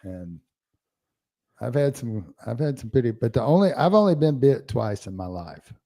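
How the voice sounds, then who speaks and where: A man with a dark, mellow voice, talking loosely in a relaxed podcast chat. He rambles through his stories, full of slang and easy asides. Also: medium pitch, moderate pace. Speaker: podcast co-host. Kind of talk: casual chat.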